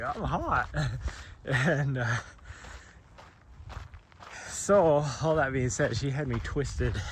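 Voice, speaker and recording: Chatty man with a scratchy throat, outdoors. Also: medium pitch. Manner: chatty, laughs often, rambling asides. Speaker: trail runner vlogger. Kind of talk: casual rambling chat. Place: outdoors on a trail. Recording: noisy outdoor recording.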